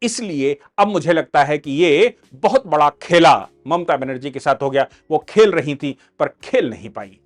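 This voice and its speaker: A man's voice: a little high, expressive, normal speed, hardly any pauses. A man giving emphatic explanatory commentary on a court ruling, as a legal educator, posing rhetorical questions.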